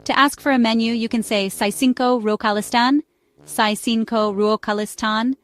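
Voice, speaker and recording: A woman giving a scripted travel phrase lesson in an upbeat tone, repeating words slowly so listeners can practice. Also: on the high side, fairly even intonation, a bit bright. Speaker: language tutor. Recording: dry close mic with faint music.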